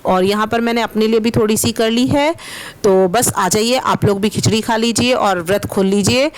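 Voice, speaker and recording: A woman from Meerut, India, narrates her day in a relaxed home vlog. Her voice sits somewhat high for a woman. She is chatty, explains each step as she goes and talks straight to her viewers. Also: moderate pace. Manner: chatty, explains steps and addresses viewers directly. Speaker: vlogger and housewife.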